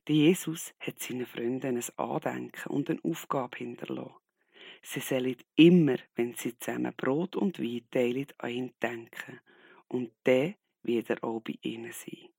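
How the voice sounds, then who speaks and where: Guy telling a kids' bible story, super slow, gravelly, dry close sound. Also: mid-range voice, a little mellow, no echo. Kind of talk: Bible story narration for children.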